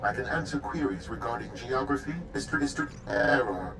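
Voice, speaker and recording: An actor playing a male android guide who sounds too smooth and machine-like, stiffly polite and prone to glitching. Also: mid-range voice, lively intonation, brisk, close to an everyday voice. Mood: mechanical, polite. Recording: game audio with clear background noise.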